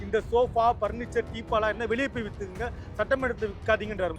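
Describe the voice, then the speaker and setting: A male reporter with a fairly high voice briskly reads out quotes as prompts. Music plays clearly beneath him. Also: fairly even intonation. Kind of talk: prompting interviewees.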